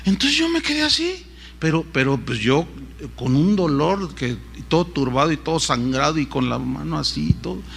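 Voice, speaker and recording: Mexican male preacher, high voice, animated sermon storyteller who acts out every voice. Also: normal speed, vocal fry, a little hiss or hum. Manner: animated, acts out quoted voices, frequent restarts.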